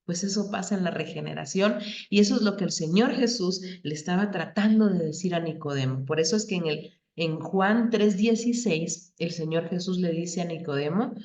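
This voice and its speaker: A woman's voice: on the low side, normal speed, darkish tone. A middle-aged woman teaching a Bible class, explaining patiently and asking the class questions. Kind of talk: Bible lesson. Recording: echoey room, dull lo-fi sound.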